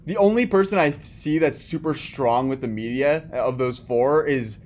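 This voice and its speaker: A man's voice: mid-range voice, normal speed, darkish tone, a little hiss or hum. A man co-hosting a sports podcast, leading the talk in a casual chat with many fillers. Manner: leads the segments, talks with many fillers and restarts. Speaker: podcast co-host.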